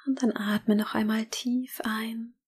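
Slow breathy whispering woman guiding meditation. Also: on the high side. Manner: soft whisper, slow and calm. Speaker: meditation guide.

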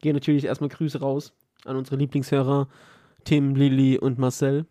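A man's voice: mid-range voice, flat delivery, moderate pace, mellow, no echo, clean studio sound. A young German man co-hosting a podcast in casual chat, laughing often and telling stories with energy. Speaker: podcast co-host.

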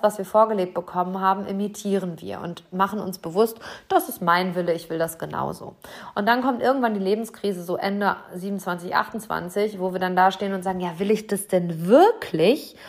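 Earnest German woman coaching the listener. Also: medium pitch. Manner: direct, earnest, slows down to stress questions. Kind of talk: motivational talk to the listener.

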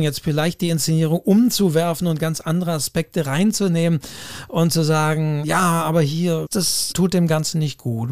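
Male podcast co-host, fairly high voice, dry close sound, measured and reflective delivery. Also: darkish tone, no echo. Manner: thoughtful, hedging, repeats phrases. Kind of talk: casual discussion.

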